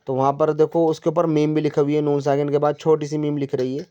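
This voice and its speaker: A man tutoring a student in Quran recitation, patiently explaining and repeating each point slowly. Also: fairly high pitch, little pitch movement, warm tone, clear, resonant tone. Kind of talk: one-on-one tutoring lesson. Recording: dull lo-fi recording.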